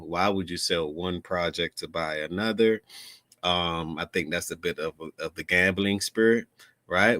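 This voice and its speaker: A low-voiced man hosting a casual crypto livestream, rambling and chatty with plenty of ums and restarts. He is close on the mic in a dry, dead room. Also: bright, forceful tone, no echo. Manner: loose and chatty, many fillers and repeats. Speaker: crypto channel host.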